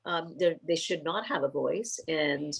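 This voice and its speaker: A woman's voice: sits low, a little slow, creaky, breathy edge, poor audio. A middle-aged woman from Trinidad and Tobago, a psychotherapist speaking thoughtfully in a podcast interview, with many fillers and restarts.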